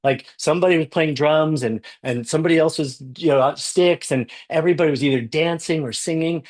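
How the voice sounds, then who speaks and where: Excitable man giving a keynote talk. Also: a little high, fairly quick. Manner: enthusiastic, repeats words, restarts. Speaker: conference speaker.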